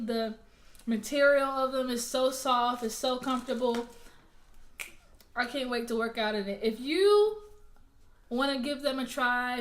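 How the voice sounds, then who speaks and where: A woman's voice: on the high side, fairly bright tone, slight background noise. A young woman from Alabama, chatting casually to her viewers in an unboxing vlog and Q&A, rambling and drifting off track. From Alabama, US South. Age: young adult. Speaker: vlogger.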